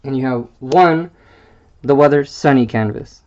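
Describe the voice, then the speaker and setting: A man's voice: medium pitch, unhurried, darkish tone. A man with a mid-range voice reads card game rules aloud for a deck presentation. He stumbles over the wording, corrects himself and fills gaps with little hesitations. The sound is a bit dull and lo-fi, as from a simple home microphone. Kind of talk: reading card text aloud.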